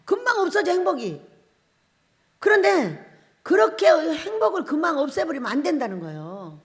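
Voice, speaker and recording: A woman pastor delivers a revival sermon at a moderate pace in a high-pitched voice. She is animated and laughs often while putting questions to the congregation.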